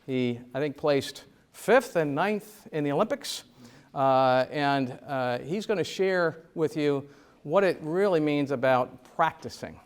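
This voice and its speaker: A man introducing the next speaker at a business event, halting and warm in his praise. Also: on the high side, lively intonation, clean tone. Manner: halting, many fillers and restarts.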